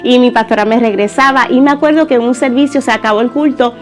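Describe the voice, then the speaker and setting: A woman's voice: a little high, fast, soft background music. Earnest woman giving a church testimony. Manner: earnest, conversational, with fillers.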